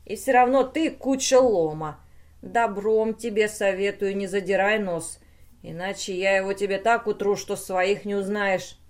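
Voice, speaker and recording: A woman's voice: mid-range voice, steady tone, a little slow, lightly acted. A woman voicing a drunken, boastful male machine brain that insults its maker. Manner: insulting, then groaning.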